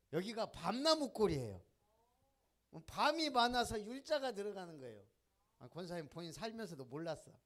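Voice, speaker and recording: A man preaching a sermon as pastor, asking the congregation questions and answering them himself. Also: sits high.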